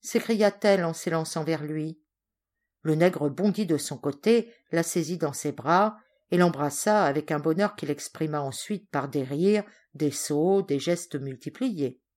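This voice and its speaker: Female audiobook reader, low, measured storybook narration. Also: darkish tone.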